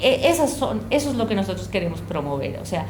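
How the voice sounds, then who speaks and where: A woman's voice: mid-range voice, sing-song, fast talker, darkish tone, a little hiss or hum. Earnest woman in an echoey room. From El Salvador and Colombia. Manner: earnest, impassioned, reflective. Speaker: guest, university lecturer and researcher. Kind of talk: conversational interview.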